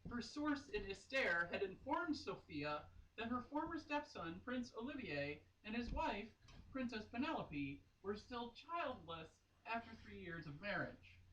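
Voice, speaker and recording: She speaks a little high and a little slow, very animated with a fairly bright tone, turning a romance novel into a playfully theatrical performance with giggly, exclaiming asides. Sound is captured from afar in an echoey room with faint noise.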